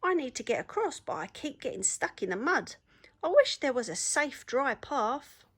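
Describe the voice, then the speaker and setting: A woman's voice: high-pitched, sing-song, normal speed, a bit bright, breathy edge, pitched above the performer's own voice, full character voice. A woman voicing a distressed, pleading dog in a storybook. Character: stranded dog, distressed, wishful, grateful.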